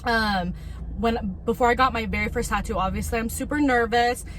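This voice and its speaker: A woman's voice: fairly high pitch, brisk, fairly bright tone, slight background noise, rough recording. A young woman, chatting and telling stories casually in an informal way as a vlog co-host. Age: young adult. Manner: informal, frequent "like" and quoted dialogue. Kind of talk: casual chat and storytelling.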